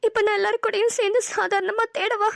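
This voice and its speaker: A woman's voice: extremely high pitch, level tone, fairly quick, creaky, no room sound, studio quality. A woman doing a nervous, guilty young woman. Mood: scheming. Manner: hesitant, stammering. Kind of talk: cartoon voice acting.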